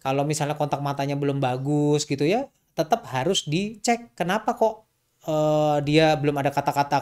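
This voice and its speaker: A man's voice: on the high side, a little mellow. A man, a doctor, answering parents' questions in a casual, chatty way, often repeating a question back before he answers it. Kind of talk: casual explanatory Q&A talk.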